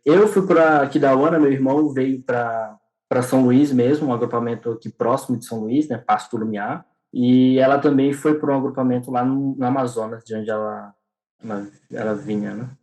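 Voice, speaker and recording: A young man speaks in a casual interview. His voice sits in the middle of the male range, and he pauses often, restarts his sentences and leans on small fillers as he tells his story. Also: mid-range voice, a little mellow, rough recording. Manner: hesitant, many restarts and fillers. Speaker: podcast guest.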